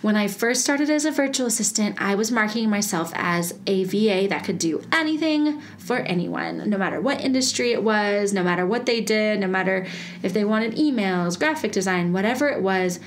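A woman's voice: mid-range voice, animated, moderate pace, slight background noise. A woman hosting her own podcast in a bubbly, chatty way, laughing often as she talks to listeners. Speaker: podcast host. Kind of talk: casual solo podcast.

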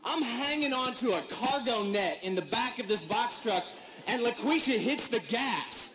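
A man giving a commencement speech, telling a story in an animated, comic way and acting out the people in it. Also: very high voice, unhurried, over music. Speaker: commencement speaker.

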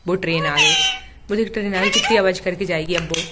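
A woman's voice: lowish voice, a little fast, very noisy. A woman talking casual baby talk to her pet parrot, coaxing and sing-song, laughing often, filmed on a phone at home. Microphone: phone camera.

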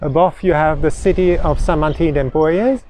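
A man's voice: fairly high pitch, normal speed, a little mellow, slight background noise. A man narrating a walking tour outdoors in simple short phrases, inviting the viewer along, recorded on a camera while he walks. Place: outdoors along coastal paths and pine woods.

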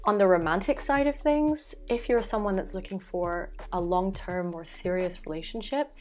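A woman's voice: mid-range voice, normal speed, a little mellow, soft background music. A young woman from Belgium, a vlogger and life coach, talking earnestly to camera about her life, thoughtful with occasional fillers and self-corrections, in a small room at home. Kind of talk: reflective talking-head vlog. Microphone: fixed camera, framed chest-up.

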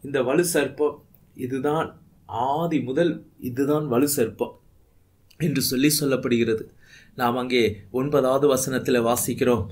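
A man's voice: mid-range voice, a little mellow. A man preaching a Bible study sermon in Tamil, reading verses aloud and stressing points with rising emphasis. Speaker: pastor.

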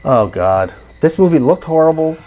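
A man's voice: a little high, sing-song, moderate pace, dark tone. A man co-hosting in casual, joking conversation. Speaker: co-host.

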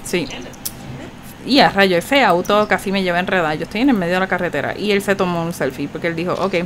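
A woman's voice: fairly low pitch, quick pace, noisy background. Chatty woman gamer. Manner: chatty, animated reactions. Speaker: gaming channel host. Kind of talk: casual gameplay commentary.

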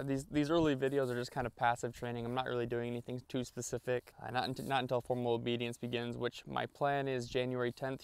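Young male vlogger and dog trainer, gravelly yet smooth tone, easygoing outdoor chat. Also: mid-range voice, dry recording. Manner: upbeat praise and commands to a puppy, calm asides to viewers. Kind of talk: casual vlog narration while training a dog outdoors. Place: outdoors at a park.

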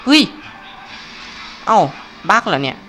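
A man's voice: unhurried, sharp tone. A young man hosting a live Let's Play, chatty and playful, joking and exclaiming as he plays. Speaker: gaming channel host. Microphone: home mic, recorded live over gameplay.

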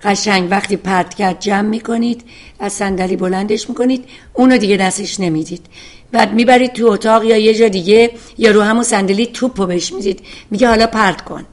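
A woman's voice: mid-range voice, fairly even intonation. A woman psychologist giving firm, emphatic advice to callers on a call-in show. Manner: firm, emphatic, repeats for stress.

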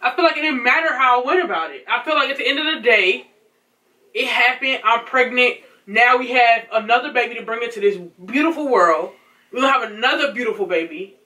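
A woman's voice: fairly high pitch, brisk, sharp tone. A woman staging a prank argument with her partner, pleading and defensive, sometimes teasing. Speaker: vlogger, prankster. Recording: distant mic with faint noise.

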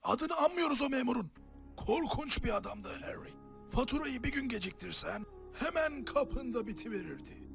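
A man voicing a gruff giant telling a grim tale in a hushed, ominous way for a comic parody film dub. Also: very high-pitched, lively intonation, moderate pace, faint music behind, exaggerated voice. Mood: grim, secretive.

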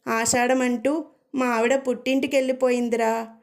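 A lonely, newly married young man talking ruefully, as a woman reads him. The voice is fairly high and stays near her plain reading. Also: flat delivery, normal speed, natural voice.

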